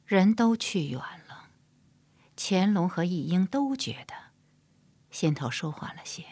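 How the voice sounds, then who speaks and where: Slow, husky woman narrator. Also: lowish voice, very animated, no room sound. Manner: measured, soft-spoken storytelling. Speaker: audiobook narrator. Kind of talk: storytelling narration of a historical novel.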